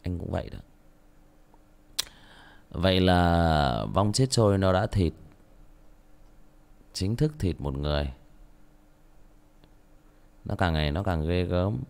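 Expressive male horror story narrator. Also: deep voice, slow pace, gravelly, pauses often, clear, resonant tone. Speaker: audiobook narrator and channel host. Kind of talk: horror audiobook narration, then casual chat.

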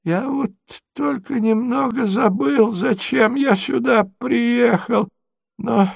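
A confused old prince, high and quavering. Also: male voice, vocal fry, a little mellow, dry recording, clean studio sound, full character voice. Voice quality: stammering, quavering. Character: senile elderly prince, fussy and confused.

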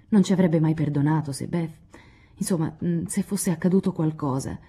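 Woman reading a playful, reassuring teen boy, low and husky; audiobook. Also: mellow. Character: kind, teasing teenage boy friend.

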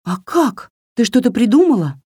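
A woman's voice: a little high, big pitch swings, normal speed, dark tone, husky, no echo, studio quality, voice pushed up. Woman doing a frightened, stubborn young girl. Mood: anxious. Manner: pleading, anxious.

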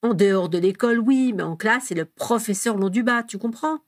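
A woman voicing an excited, breathless young boy who teases his brother, reading aloud in a dry, close recording. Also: mid-range voice, a little fast, natural voice. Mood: teasing.

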